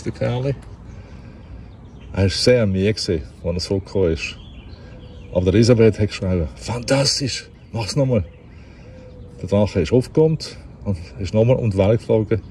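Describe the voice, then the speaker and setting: Man, Basel Swiss German accent, storyteller, very low, mellow voice, outdoors, faint birds and hiss behind. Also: a little fast. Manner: relaxed, chatty, with laughs and self-corrections. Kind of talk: reading a fairy tale aloud with asides.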